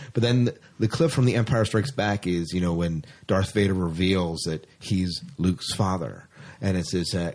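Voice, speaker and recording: Another man co-hosts the podcast, talking sci-fi news in a casual, enthusiastic way. His pitch is fairly low and his tone a little mellow.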